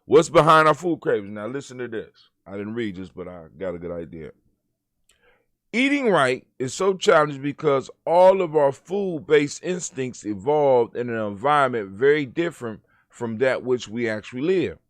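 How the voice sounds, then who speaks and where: A man riffs on the day's news in a casual, profane rant, his pitch swinging widely as he gets worked up. The sound is dry and close. He reads articles aloud in between outbursts. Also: sing-song, normal speed, dry recording. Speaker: podcast host.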